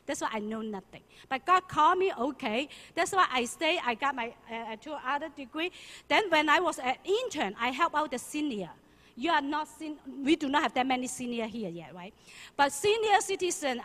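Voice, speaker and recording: Middle-aged woman, animated and searching for words, very bright voice, long church echo. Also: high-pitched. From Hong Kong. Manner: lively, questions the audience, halting non-native English. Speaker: children's pastor. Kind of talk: sermon testimony. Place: church sanctuary.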